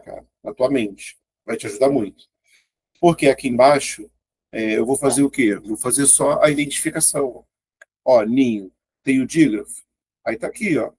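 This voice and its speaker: Brazilian man, grammar teacher, husky and gravelly, laid-back exam-prep style. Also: medium pitch, darkish tone. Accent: Brazilian Portuguese. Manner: casual, chatty, keeps pointing things out and checking in with students.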